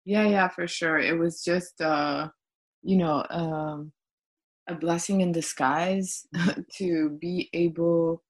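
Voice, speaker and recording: A woman from Belgium with a notably low voice. She speaks as a podcast guest in casual conversation, searching for words with frequent pauses and fillers. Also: steady tone, low-quality recording. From Brussels, Belgium.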